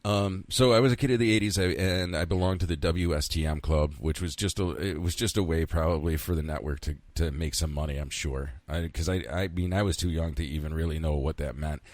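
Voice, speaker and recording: A man's voice: extremely low pitch, steady tone, a little fast, hardly any pauses, a little mellow, no echo. A man in his fifties from central New York, hosting a casual solo podcast, rambling and candid, swearing freely and talking to himself. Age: 50s. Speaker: podcast host.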